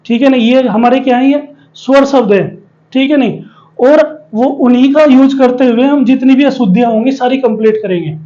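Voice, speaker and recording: A man's voice: extremely high pitch, normal speed, mellow, lo-fi sound. A man teaching a spelling lesson, explaining step by step and often asking questions and answering them himself. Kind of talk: spoken Hindi spelling lesson at a board.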